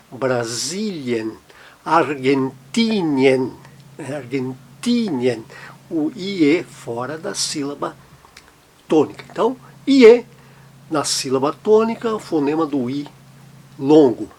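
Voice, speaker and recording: A man teaching a language lesson, explaining sounds and slowly repeating each example word. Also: on the high side, expressive, dark tone, breathy edge. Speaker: German teacher.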